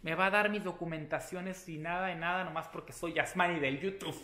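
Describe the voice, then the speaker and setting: Animated man vlogger in an echoey room. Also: fairly high pitch, fairly quick. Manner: animated and playful, with sudden loud exclamations. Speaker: beauty vlogger. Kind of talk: casual chatty storytelling to camera.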